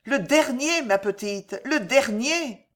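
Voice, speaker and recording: A woman's voice: on the high side, lively intonation, slow, pitched above the performer's own voice. A woman voicing a cold, cruel queen who taunts and threatens in an icy, mocking tone. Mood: coaxing.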